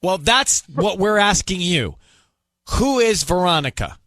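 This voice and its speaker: Calm, firm male radio host. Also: high-pitched, a little slow, no room sound. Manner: calm, firm, pressing questions. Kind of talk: radio call-in segment hosting.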